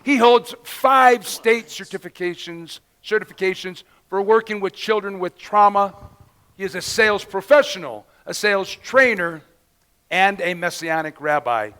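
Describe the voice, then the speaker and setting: Male emcee, high voice, formal credential-reading intro. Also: moderate pace, sharp tone, smooth. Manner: reads a list of credentials, building up. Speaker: event emcee.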